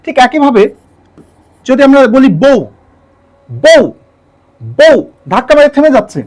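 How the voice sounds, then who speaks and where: A man's voice: extremely high pitch, brisk, a little mellow. A man teaching a Bengali grammar lesson for exam preparation, explaining step by step, repeating key points and putting questions to the viewer. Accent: Bangladeshi Bengali.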